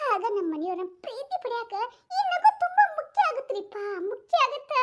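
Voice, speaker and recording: A woman doing a cheeky, giggling advice-giving friend. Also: very high-pitched. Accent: North Karnataka Kannada. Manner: teasing, giggling, mock-wise. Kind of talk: comic skit dialogue.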